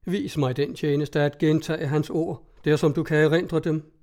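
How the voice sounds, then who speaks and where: An earnest young poet, a little unsure of himself, reciting his lines slowly and solemnly, as a man reads him aloud. The voice sits fairly high and sounds mellow, like a storybook character. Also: little pitch movement, natural voice. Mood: polite.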